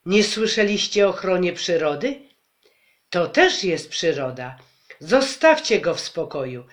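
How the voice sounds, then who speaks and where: A man reading aloud and voicing a fierce, protective mother who scolds a crowd loudly. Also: very high voice, expressive, takes it slowly, pitched above the performer's own voice, full character voice. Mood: indignant. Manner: loud, indignant scolding.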